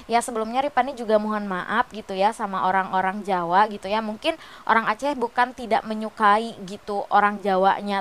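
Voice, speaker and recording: A woman's voice: on the high side, fairly bright tone. A young woman from West Java, sick with a cold and sounding nasal, chatting casually to her followers from her bed. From West Java, Indonesia. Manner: chatty, peppered with fillers. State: sick with a stuffy nose. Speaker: vlogger. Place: bedroom, on a bed.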